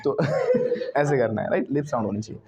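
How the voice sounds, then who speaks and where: A man teaching English to a classroom of students, drilling words loudly and laughing often. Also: medium pitch, rapid-fire, lo-fi sound, a crowd in the background.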